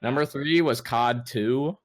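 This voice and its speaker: A man's voice: medium pitch, slow, dry recording. A young man in casual chat on a gaming podcast, rambling with lots of fillers and restarts. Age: young adult. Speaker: podcast co-host.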